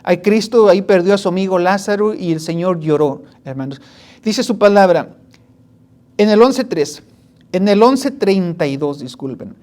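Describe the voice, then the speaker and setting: A woman with a lowish, dark-toned voice preaches a conversational sermon at a moderate pace, sounding animated. She retells stories and scripture, restarts often, and keeps addressing her listeners as brothers.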